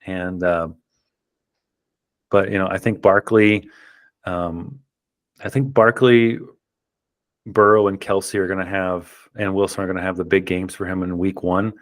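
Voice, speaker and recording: A man's voice: sits low, steady tone, measured pace, long pauses, no echo, studio quality. A man hosting a fantasy football podcast, talking casually and rambling with lots of ums and restarts. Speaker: podcast host. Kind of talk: casual chat.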